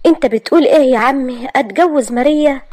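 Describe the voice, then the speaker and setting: A woman's voice: fairly high pitch, quick pace, a little mellow, no echo, pitched above the performer's own voice, close to an everyday voice. A woman with an Egyptian accent voicing an agitated young man who protests indignantly against an arranged marriage.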